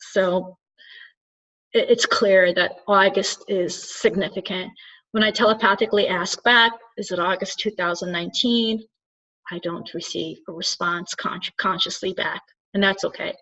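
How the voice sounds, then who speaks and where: Speaking alone to the camera in a reflective way, this earnest Turkish spiritual channeler and soul coach has a medium-pitched, fairly bright voice. She halts, hunts for words, and restarts frequently, and the lo-fi recording sounds slightly dull.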